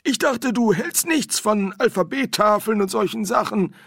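A man's voice: high-pitched, animated, normal speed, gravelly, a bit bright, no room sound, studio quality, voice pushed up, exaggerated voice. A man voicing a nervous, curious old male wizard who asks eager questions.

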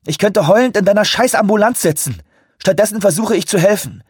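A man's voice: fairly high pitch, normal speed, mellow, breathy edge, no echo, studio quality, pitched above the performer's own voice. A man voicing a stubborn, upset young woman who pleads and snaps back, in an audiobook reading. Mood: agitated. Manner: agitated, pleading and defiant.

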